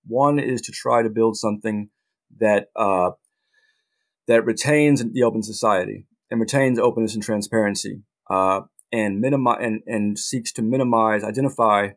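A middle-aged man, a journalist guest in a casual interview, talking in halting bursts with many restarts and dry asides. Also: lowish voice, gravelly.

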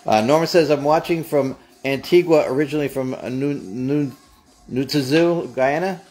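A man's voice: mid-range voice, normal speed, a little mellow, faint music behind. Casual man reading out viewer names. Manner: casual, reads names off a list. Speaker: co-host reading viewer comments. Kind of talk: live-stream chat. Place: home kitchen.

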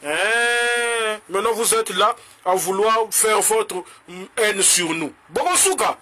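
A man from the Republic of the Congo with a Congolese French accent, delivering a heated political rant to camera in a combative, mocking way and switching languages in rapid bursts. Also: high-pitched, bright, forceful tone. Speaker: political commentator.

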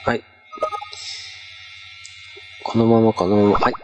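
A man's voice: on the low side, little pitch movement, slow pace, dull audio, over music. A man hosting a casual video, chatting and teasing while he plays a phone app. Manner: chatty, teasing, tacks "ne" onto phrases. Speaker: vlog host.

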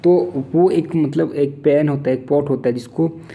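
In an exam-prep vocabulary lesson, an Indian-accented man slowly reads English definitions, explains them in Hindi, and repeatedly checks in with "theek hai." His voice is fairly high, creaky and warm.

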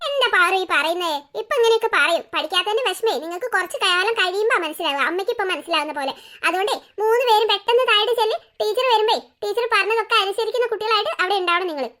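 A caring, no-nonsense mother from a cartoon story, as a voice actor plays her, who comforts and then instructs. The voice is extremely high and bright, and she talks very fast. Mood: motherly. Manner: warm then firmly instructing. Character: caring mother, firm about studies.

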